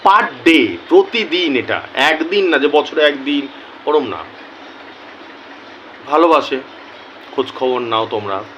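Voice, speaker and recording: A man with a slightly raised pitch speaks slowly and deliberately to his channel's viewers, repeating words to drive a point home. His tone is earnest and personal, like a casual talk straight to camera. A faint hiss sits under the voice. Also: expressive, bright, forceful tone, poor audio. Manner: slow and deliberate, repeats key words for emphasis. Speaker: YouTuber addressing his viewers.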